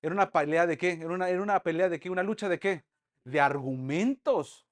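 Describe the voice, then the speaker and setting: A man teaching an online Bible study lesson, lively and full of rhetorical questions to the group. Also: high-pitched, brisk.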